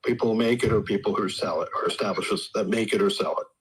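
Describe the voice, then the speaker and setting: A man pitching a name on a casual audio panel, unsure and full of fillers. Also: fast talker, a little hiss or hum, poor audio. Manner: hesitant, uncertain, many fillers. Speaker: domain seller pitching a name. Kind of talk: casual chat.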